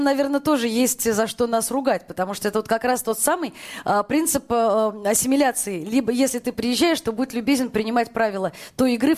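A woman's voice: fairly high pitch, darkish tone. A woman hosting a live phone-in talk show, speaking to listeners and callers. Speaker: radio call-in host.

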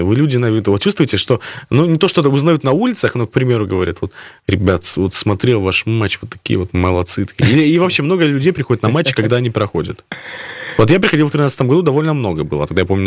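A man's voice: mid-range voice, dry recording, clean studio sound. A man hosting a conversational radio interview, putting long, wordy questions to his guests. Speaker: radio host. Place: radio studio.

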